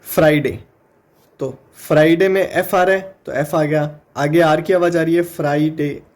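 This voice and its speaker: Indian man, exam-prep tutor, higher-pitched voice, patient step-by-step explainer. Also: fairly even intonation. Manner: explains step by step, sounds words out slowly. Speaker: teacher.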